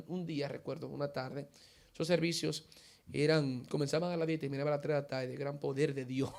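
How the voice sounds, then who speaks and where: A man's voice: a little high, gravelly, a little mellow. A man giving a personal faith testimony in an interview, telling his story vividly and acting out the dialogue he quotes.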